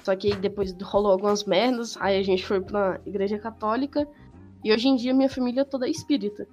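A woman's voice: mid-range voice, fairly even intonation, a little fast, a little mellow, soft background music. Young Brazilian woman, casual and slangy.

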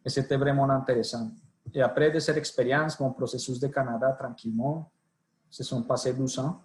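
A man's voice: mid-range voice, steady tone, brisk, slight background noise. A man in his forties from Colombia, speaking French with a Colombian Spanish accent as a podcast guest, hesitant and full of restarts. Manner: hesitant, frequent fillers and restarts in second language. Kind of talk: casual interview storytelling.

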